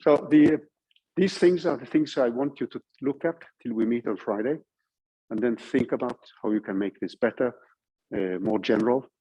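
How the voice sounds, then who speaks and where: A Norwegian man gives an informal university lecture, explaining things step by step and checking in with listeners as he goes. His mellow, somewhat husky voice sits at a middling pitch and moves at a moderate pace. The recording sounds muffled.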